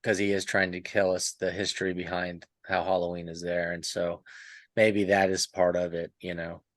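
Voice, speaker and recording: A man's voice: deep voice, level tone, moderate pace, no room sound. A man in a casual podcast book discussion, rambling and thinking aloud as he talks. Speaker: podcast panelist.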